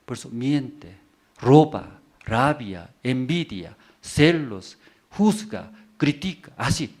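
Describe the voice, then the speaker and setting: A man's voice: mid-range voice, big pitch swings, slow, a little mellow. A male pastor preaching a sermon in simple, broken Spanish, repeating phrases for emphasis and asking the congregation rhetorical questions.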